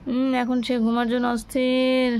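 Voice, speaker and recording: A woman's voice: high-pitched, monotone, normal speed, a little mellow, a little hiss or hum. A woman at home talking to her cats in casual chat, scolding and coaxing them in a singsong way. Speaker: pet owner vlogger. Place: home, bedroom.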